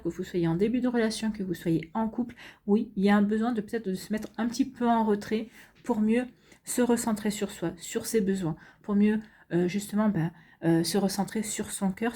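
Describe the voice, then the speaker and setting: Gentle, tired woman reading tarot. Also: mid-range voice, normal speed. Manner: gentle, reassuring, many fillers and restarts. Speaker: tarot reader. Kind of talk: casual tarot reading for viewers.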